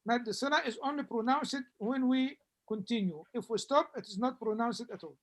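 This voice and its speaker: A woman's voice: on the high side, takes it slowly. A woman teaching Quran recitation in an online class, patiently repeating words for her students over a video call.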